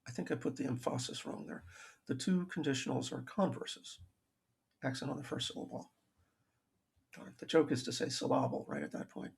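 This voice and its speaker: A man's voice: medium pitch, very animated, a little fast, darkish tone, slight background noise. A man giving a recorded math lecture over slides, explaining logic with dry self-aware humor and frequent restarts. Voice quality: gravelly, husky voice.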